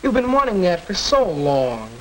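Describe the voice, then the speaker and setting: Eager high-pitched teenage son. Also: male voice, sing-song, normal speed. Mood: earnest, helpful. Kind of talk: stagey scripted 1940s educational film acting. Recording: crackly 1940s film soundtrack.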